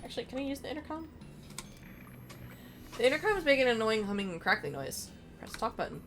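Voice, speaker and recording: A woman's voice: fairly high pitch, sing-song, quick pace. Woman reading a game aloud over noise. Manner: reads on-screen text with casual asides. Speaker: gamer playing and reading game text aloud. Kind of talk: casual game playthrough, reading text aloud. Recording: clear background noise.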